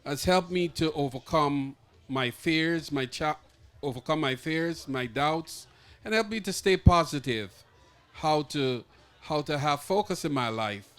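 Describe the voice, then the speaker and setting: A man from Guyana presents his memoir to a crowd. He speaks slowly, often restarting his phrases, in a slightly high voice. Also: a bit bright. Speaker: memoir author. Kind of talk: book presentation.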